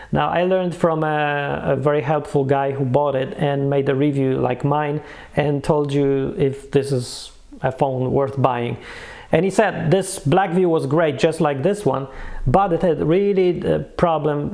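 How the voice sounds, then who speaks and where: This man's fairly high voice carries vocal fry and a darkish tone. English isn't his first language, and during his loose, off-the-cuff product review he searches for words and fixes his own phrasing.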